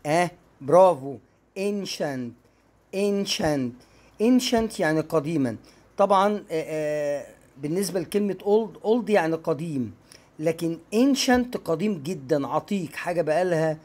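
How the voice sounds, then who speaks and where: Egyptian teacher, man, slightly high voice, patient word drills, video lesson. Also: darkish tone. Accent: Egyptian Arabic. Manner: drills words slowly and repeats them. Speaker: English teacher. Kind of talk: YouTube language lesson.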